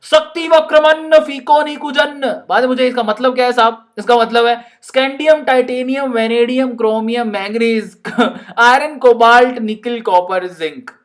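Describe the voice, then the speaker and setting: Fun chemistry teacher guy, high voice, keeps quizzing the class and joking around. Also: fairly even intonation, moderate pace. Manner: playful, laughing, chants mnemonics; asks the class questions. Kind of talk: online lecture.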